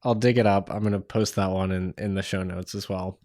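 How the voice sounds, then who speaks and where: A man hosting an interview podcast, talking in a relaxed, halting way with many fillers. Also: sits low, no echo, clean studio sound. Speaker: podcast host.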